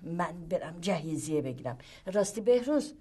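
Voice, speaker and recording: An actress playing a tired, sharp-tongued middle-aged mother who scolds and teases her son. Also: fairly low pitch, big pitch swings, slightly rough. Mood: scolding. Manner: scolding and teasing. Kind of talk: sitcom acting.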